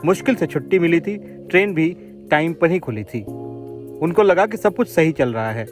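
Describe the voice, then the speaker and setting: A man's voice: a little high, expressive, moderate pace. Man narrating news over music. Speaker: news reporter. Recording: voice-over with loud background music.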